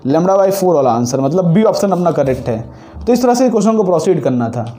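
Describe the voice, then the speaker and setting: Fairly quick and mellow, his high-sitting voice full of lively intonation, a man with a sore throat solves physics exam problems on a board. He explains each step, repeats key points, and blends Hindi with English.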